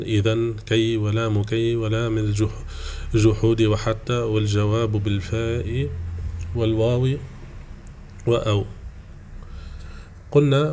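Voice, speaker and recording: A man's voice: fairly low pitch, a little mellow, a little hiss or hum. Patient male grammar teacher repeating examples. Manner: frequent hesitations with drawn-out fillers. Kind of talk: classroom grammar lesson.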